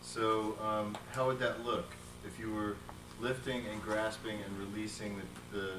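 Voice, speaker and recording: A man's voice: lowish voice, little pitch movement, a little slow. Guy teaching massage class, jokey, kinda far from the mic, noisy room. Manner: playful, joking with students. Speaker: massage instructor. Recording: roomy classroom taped from afar, noisy.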